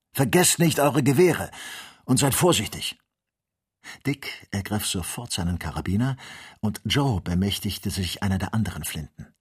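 A man reading an adventure novel aloud as audiobook narrator, in measured storytelling. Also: sits low, breathy edge. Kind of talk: scripted narration.

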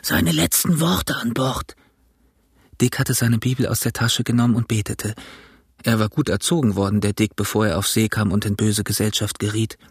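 A man reading a novel aloud as narrator, in a steady, measured storytelling manner. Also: lowish voice, husky, no room sound, clean studio sound. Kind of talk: audiobook reading.

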